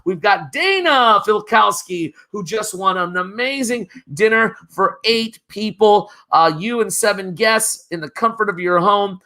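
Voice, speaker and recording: An upbeat charity auctioneer running a live virtual auction. The voice is bright and forward, and it keeps urging bidders on by name without letting up. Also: medium pitch. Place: virtual gala broadcast.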